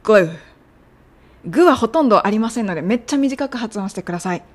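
A young woman casually teaching English pronunciation of medical terms, drilling the sounds slowly. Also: fairly high pitch, expressive. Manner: friendly, chatty coaching, drilling sounds slowly. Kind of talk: casual podcast lesson.

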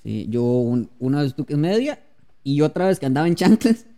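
A Costa Rican man tells crude stories on a podcast, full of slang and quick to laugh. His voice sits a little high for a man. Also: sing-song, warm tone. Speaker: podcast co-host. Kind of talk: casual chat.

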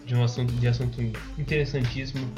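A man's voice: mid-range voice, level tone, fast, muffled recording. A Brazilian man chatting casually as a podcast co-host, with music behind him. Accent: Brazilian Portuguese. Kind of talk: casual chat.

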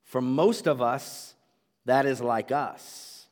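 A male pastor preaching a sermon earnestly, restarting and repeating phrases, and building up to loud emphatic declarations. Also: mid-range voice, takes it slowly, in a large hall.

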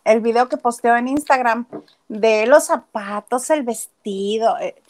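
A woman's voice: a little high, unhurried. A woman with a Mexican accent co-hosting a casual chat, reacting with exclamations. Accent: Mexican Spanish. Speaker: show co-host.

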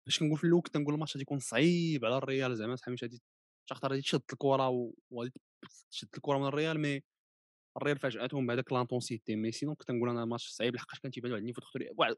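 A man's voice: mid-range voice, rapid-fire, no echo, studio quality. A man with a Moroccan Arabic accent chatting casually about football, mixing in French words and repeating his phrases. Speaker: football pundit.

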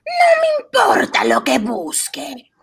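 A woman's voice: extremely high pitch, wildly swooping pitch, takes it slowly, heavily acted. An actress playing a sinister cackling witch in a radio drama, menacing and wailing, drawing out her words. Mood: scornful, menacing.

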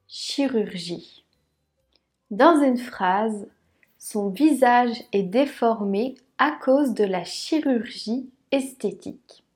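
A woman teaching French pronunciation, repeating words slowly syllable by syllable. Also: fairly high pitch, darkish tone. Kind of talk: slow, careful pronunciation lesson.

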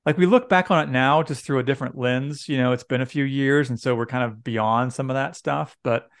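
Chatty pastor with a gravelly voice. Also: male voice, medium pitch, brisk, no room sound, studio quality. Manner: chatty, lots of fillers and "like", laughs easily. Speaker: pastor, podcast co-host. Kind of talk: casual chat.

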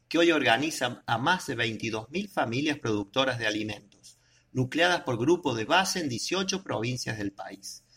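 A man with an Argentine accent reading a scripted news report in a steady, measured way. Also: mid-range voice, slightly rough. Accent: Argentine Spanish. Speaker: radio reporter.

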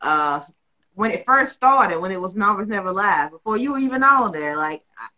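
A woman's voice: medium pitch, animated, moderate pace, pushed and bright, highs cut off. A woman hosting a casual chat, blunt and emphatic, swearing freely.

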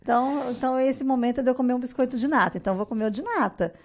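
A woman's voice: sits high, very fast. A woman from Brazil in her thirties chats as a podcast guest. She tells her stories with energy and puts on a raised voice when she quotes others. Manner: animated storyteller, acts out quotes in a raised voice. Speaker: guest, artisan biscuit maker. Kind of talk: casual podcast interview.

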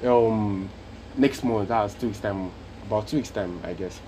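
A man's voice: lowish voice, a little slow, dark tone, a little hiss or hum, poor audio. A Nigerian man hosting a casual solo podcast, speaking earnestly and repeating his points for emphasis. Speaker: podcast host.

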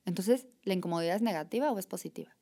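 Animated woman, reflective talk. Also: lowish voice, very fast. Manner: animated, reflective, repeats "o sea" and "¿sabes?". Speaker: podcast guest. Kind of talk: casual conversation.

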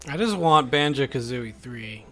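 Brief: male podcast guest, bright timbre, dry and self-deprecating, faint music. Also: mid-range voice, expressive, a little slow. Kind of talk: casual podcast chat.

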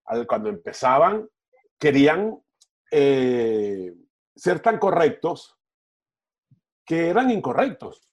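A man's voice: on the high side, sing-song, takes it slowly, long pauses, a little mellow, dull audio. A middle-aged man, a football TV panelist talking casually on a podcast, rambling and restarting his words. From Venezuela.

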